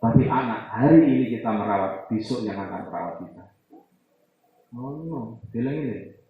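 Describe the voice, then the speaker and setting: A man's voice: medium pitch, normal speed, slight background noise. A man with a Javanese accent gives a loose, chatty religious talk, breaking into Javanese and mimicking voices. He sounds far from the mic in a very echoey room, and the sound is dull and muffled. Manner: lively, mixes Javanese asides, imitates voices. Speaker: Islamic teacher. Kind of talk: casual religious lecture. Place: large room at a boarding school.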